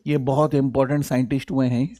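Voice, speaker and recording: A man teaching biology in an online live class, reading English definitions slowly and explaining them in Hindi, calling students 'sahab' and reading their names from the chat. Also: medium pitch, little pitch movement, a crowd in the background. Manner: addresses students as 'sahab' and 'bachchon', repeats key points.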